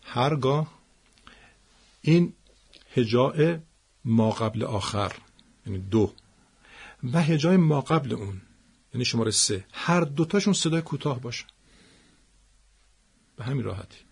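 A man teaching the stress rules of Quranic Arabic, patiently repeating words slowly. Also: mid-range voice, expressive, creaky, a little mellow, husky.

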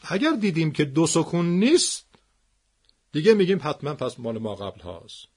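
A man teaching the stress rules of Quranic Arabic, patiently repeating words slowly. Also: a little high, sing-song, a little mellow, breathy edge.

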